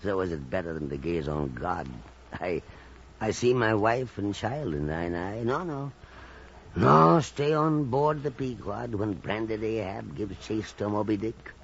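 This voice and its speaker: An actor playing a weary, obsessed old whaling captain in a theatrical, halting old time radio drama style. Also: male voice, on the low side, expressive, creaky. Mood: weary, brooding. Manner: theatrical, halting, repeating phrases. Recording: muffled, noisy old radio drama recording.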